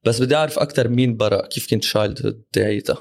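A man's voice: fairly low pitch, racing, creaky. A man hosting a podcast, asking questions casually and switching back and forth between Arabic and English in the same sentence. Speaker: podcast host.

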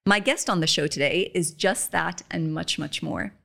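A woman hosting an interview podcast, giving measured introductions and laughing easily with her guest. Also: on the low side, vocal fry, fairly bright tone. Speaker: podcast host.

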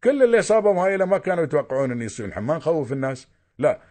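A man's voice: on the high side, big pitch swings, racing, a little mellow. A man with an Emirati accent calling in to a radio show, giving insistent, lecturing advice and repeating his points. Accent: Emirati Arabic. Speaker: caller.

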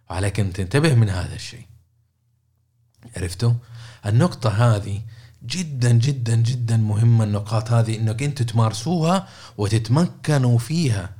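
A man's voice: lowish voice, mellow. A man giving a casual coaching talk, repeating words and checking in with listeners by asking questions. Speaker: podcast host and coach.

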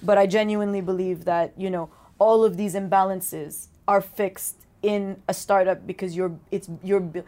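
A woman's voice: medium pitch, fairly even intonation, normal speed, hardly any pauses, warm tone. A woman hosting a podcast, speaking earnestly and reflectively in casual chat, with hesitations and fillers. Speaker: podcast host.

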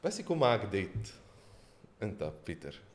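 A man's voice: on the low side, huge pitch swings, fairly quick. A man with a Lebanese Arabic accent teasing a friend in casual, jokey conversation.

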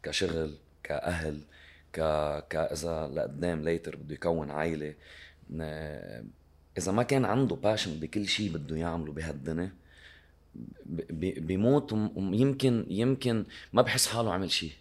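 A man's voice: low-pitched, normal speed, slightly rough. A man with a Lebanese Arabic accent, answering as an interview guest in conversation and mixing in English words.

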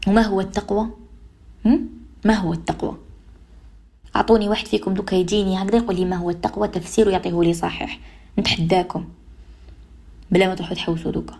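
A woman radio host with an Algerian Arabic accent delivers an emphatic, repetitive, admonishing advice monologue about social behavior. Her mid-range voice is steady and somewhat dark, and she talks fast but pauses often.

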